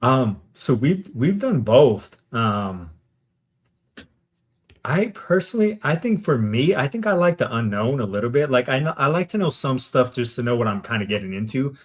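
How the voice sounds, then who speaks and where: A man's voice: medium pitch, sing-song, normal speed. Rambling man telling ghost-hunting stories. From Arizona. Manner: rambling, many fillers and "right?" tags. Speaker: podcast guest, paranormal investigator. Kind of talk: casual interview storytelling.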